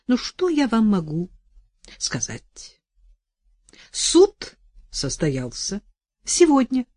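A woman's voice: mid-range voice, wildly swooping pitch, very slow, warm tone, no room sound, studio quality, voice pushed up, exaggerated voice. A woman reading an audiobook voices a talkative, self-satisfied male lawyer who gushes and then grows irritated and lectures. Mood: effusive.

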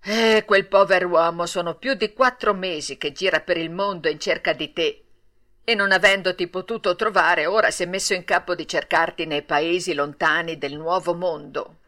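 A woman doing a big calm pigeon. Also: lowish voice, moderate pace, pitched below the performer's own voice.

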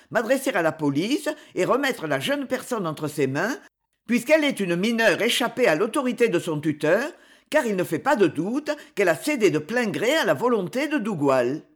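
A woman reads the lines of a cold, proud nobleman in a novel audiobook. The delivery is clipped and icy, full of contempt, with a voice that still moves a lot in pitch. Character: cold, haughty older aristocratic father.

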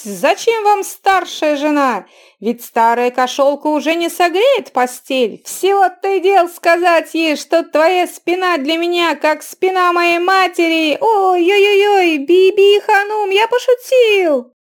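A woman voicing a pushy, flattering young male bazaar barker who calls out in high, drawn-out, loud cries. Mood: wheedling.

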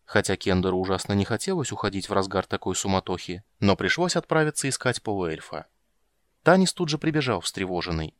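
A man narrating an audiobook with expressive storytelling. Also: low voice, brisk, dry recording, clean studio sound.

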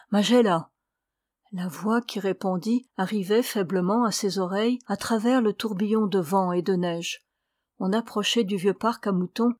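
A woman narrating a novel as an audiobook, with a steady, measured delivery at a middling pitch. The sound is dry and close, with no room sound. She carries the story at a calm, even pace. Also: no echo. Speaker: audiobook reader. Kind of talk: reading a novel aloud.

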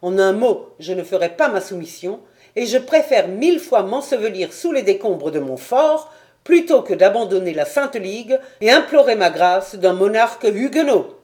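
A woman voicing a defiant rebel captain, haughty and loud. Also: medium pitch, lively intonation, moderate pace, natural voice. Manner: bold, haughty, insistent.

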